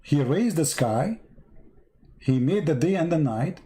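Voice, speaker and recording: A man's voice: fairly high pitch, animated, a little slow, warm tone. A man, not an English speaker and losing his voice, hosts a live debate, reading out verses and pressing a caller with repeated questions. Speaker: debate host.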